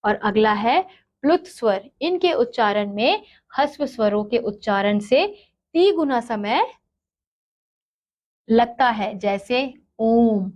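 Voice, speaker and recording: A woman's voice: a little high, animated, a little mellow. A woman teaching a grammar lesson, asking questions and answering them herself. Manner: slow, asks and answers her own questions.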